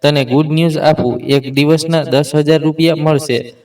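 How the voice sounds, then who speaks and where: A man narrating an emotional family story, reading every character in one steady voice with small slips and restarts. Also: fairly high pitch, moderate pace, distant mic.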